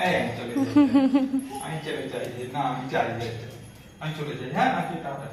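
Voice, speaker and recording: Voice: mid-range voice, very animated, fairly quick, reverberant. A father at home teasing and playing with his small child. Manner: teasing, playful. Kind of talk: playful teasing.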